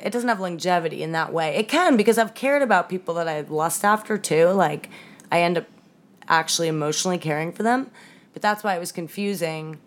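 A woman's voice: on the low side, brisk. A woman chatting candidly as a podcast guest, frank and teasing. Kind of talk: casual chat.

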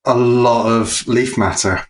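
A man's voice: mid-range voice, steady tone, slow, slight background noise. A man co-hosting a comedy podcast, giving blunt, sweary, wry advice. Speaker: podcast co-host. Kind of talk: casual comedic chat.

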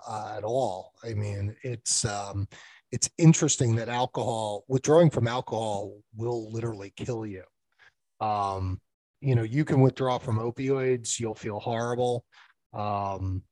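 Measured male co-host, mid-pitched, plain dry sound. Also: warm tone, dry recording. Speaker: podcast co-host. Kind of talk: casual chat.

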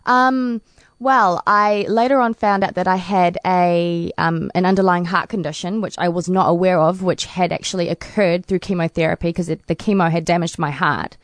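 Chatty New woman, low voice. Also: steady tone, normal speed, dry recording. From New Zealand. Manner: chatty, laughs often. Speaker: interview guest, para swimmer. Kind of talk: casual interview answers.

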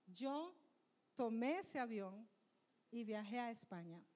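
A woman's voice: on the high side, lively intonation, takes it slowly, darkish tone. A woman in her fifties, a pastor's wife from Honduras, giving an earnest, emotional church testimony and addressing the congregation as brothers and sisters. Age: 50s.

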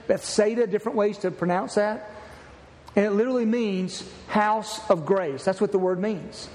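Pastor, male, very high voice, earnest sermon delivery with restarts, reverberant church hall. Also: darkish tone. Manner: earnest preaching with repeated restarts. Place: church sanctuary.

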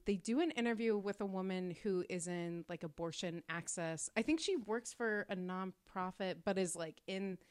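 A woman's voice: medium pitch, moderate pace, few pauses, clean tone. A woman co-hosting a book podcast in a bubbly, upbeat casual chat, laughing easily. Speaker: podcast co-host.

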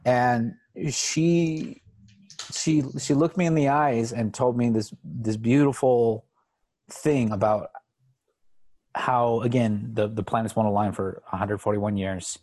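A young man guest on a podcast, talking in a halting way with many restarts. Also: medium pitch, steady tone, a little mellow, no room sound. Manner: halting, repeats words as he talks. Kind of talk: casual podcast chat.

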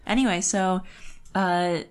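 Talking books in a casual way, this young woman co-host speaks slowly in a lowish, clean-toned voice.

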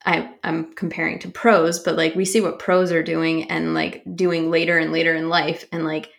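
A woman's voice: sits low, flat delivery, normal speed, creaky. A young woman hosting a running podcast, asking long, rambling, chatty questions. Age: young adult. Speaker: podcast host, runner. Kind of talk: casual interview chat.

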